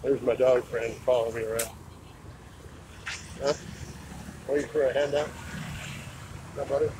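Walking by a town road with his phone camera, an Idaho vlogger gives easygoing, talkative commentary in a steady, medium-pitched voice at normal speed. The outdoor phone audio picks up clear traffic noise, passing vehicles and street ambience.

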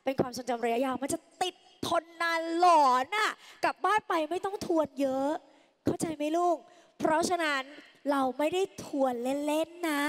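A woman English tutor giving a lively lecture in a large hall, coaxing students with frequent polite particles. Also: sits high. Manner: coaxing, calls students "children", ends phrases with polite particles. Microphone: handheld mic.

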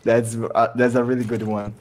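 A man's voice: mid-range voice, level tone, normal speed, darkish tone, slight background noise. A man from Brazil, chatting casually while streaming a game, laughing often and quoting game villains. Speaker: gaming streamer. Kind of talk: casual gameplay chat with character impressions.

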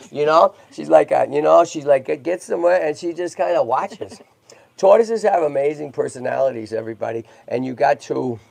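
Male livestream host, rough fry-edged voice, chatty, keeps asking "right?", dry sound. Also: a little high, warm tone, dry recording. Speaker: host of a tortoise rescue livestream. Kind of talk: casual livestream chat.

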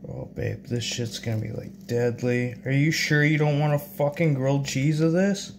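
A man's voice: medium pitch, expressive, normal speed. A man in his thirties cooking in a small home kitchen, swearing and muttering to himself while he works. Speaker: home cook vlogger. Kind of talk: casual cooking vlog. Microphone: phone camera propped on the counter. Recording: loud background noise.

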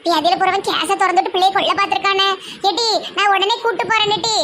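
In a comic family skit, a woman plays a superstitious, scolding mother who nags and laments in a southern Tamil Nadu accent. Her very high voice comes fast and panicked, and the recording is very noisy.

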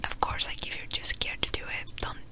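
A video host speaking in a breathy close-up whisper, rambling reassuringly in a casual ASMR gaming chat, with keyboard typing behind. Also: brisk. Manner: rambling, reassuring advice-giving. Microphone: close-up microphone.

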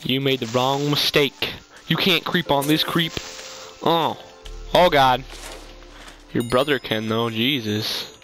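A man narrating his own video game session with unhurried, drawn-out delivery. He reacts excitably to the action, tossing out jokes and exclamations, while faint game music plays softly behind him. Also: medium pitch. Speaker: gaming commentator. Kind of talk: let's play commentary.

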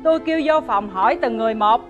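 A woman's voice: fairly high pitch, animated, quick pace, lo-fi sound, close to an everyday voice. An actress playing a stern, commanding mother-in-law who runs a wealthy household, faint music behind. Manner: stern, scolding. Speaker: household mistress.

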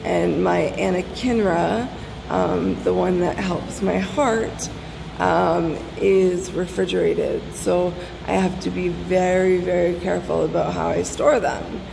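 A woman's voice: on the low side, fairly even intonation, slow, gravelly. A woman in her thirties chatting casually to a handheld phone at an indoor pool. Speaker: vlogger. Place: large echoey indoor hotel pool. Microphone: handheld phone at arm's length. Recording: echoey pool hall, loud ambient noise. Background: background music and pool ambience.

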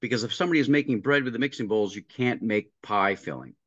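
Speaking fast in a voice on the low side, with no room sound, a middle-aged restaurant consultant recounts work stories step by step for a casual interview. He acts out the dialogue and restarts often, on a video call from a home room with a painting behind him, its audio dry and muffled.

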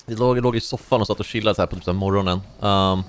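A young man giving casual let's-play commentary, chatty and slangy, telling stories excitably while he plays. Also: fairly low pitch. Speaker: gaming YouTuber.

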